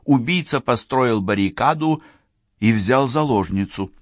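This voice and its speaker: A man narrating a crime thriller audiobook, telling the story in a lively way. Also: mid-range voice, measured pace, no room sound, studio quality. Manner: lively storytelling, voices many characters. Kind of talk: scripted narration.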